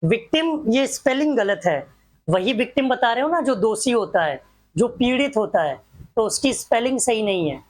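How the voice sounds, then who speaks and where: A woman's voice: on the high side, lively intonation, normal speed, darkish tone. A woman teaching a grammar class, drilling examples one by one and asking rhetorical questions that she answers herself.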